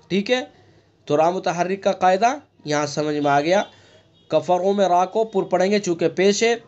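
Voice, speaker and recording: A man teaching Quran recitation rules in an online class, slowly modeling words and checking that students follow. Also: high voice, darkish tone, lo-fi sound. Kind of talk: tajweed lesson with recited examples. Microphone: online class recording.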